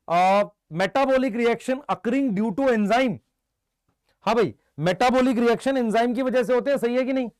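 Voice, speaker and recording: A man teaching a biology lesson, briskly quizzing his students and answering for them, mixing Hindi with English terms. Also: high-pitched, no echo, studio quality. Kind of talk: live online exam-prep lecture.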